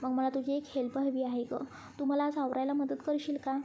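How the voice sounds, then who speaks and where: A woman's voice: sits high, little pitch movement, fairly quick, mellow, muffled recording. A woman voicing a bubbly young woman who pleads, hurries and gets shy in a storybook reading.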